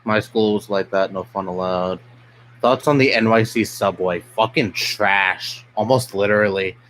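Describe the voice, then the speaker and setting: Young man, streamer, blunt profane rant, lowish voice, faint background hum. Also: steady tone, moderate pace, fairly bright tone, rough recording. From New York City. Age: young adult. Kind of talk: casual live-stream chat.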